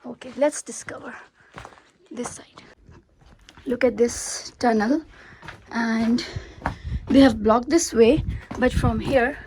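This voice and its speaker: A travel vlogger walks around a hilltop castle and lake, narrating a casual, upbeat vlog into a handheld phone with lots of fillers and restarts. Her fairly high voice has a fairly even intonation and a slightly mellow quality, and she talks slowly with long pauses. There's slight background noise.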